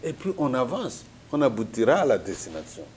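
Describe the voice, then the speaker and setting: A man's voice: medium pitch, very animated, fairly quick, darkish tone. A man from Congo giving an earnest, preacher-like political commentary in an interview, making his points with parables and biblical examples.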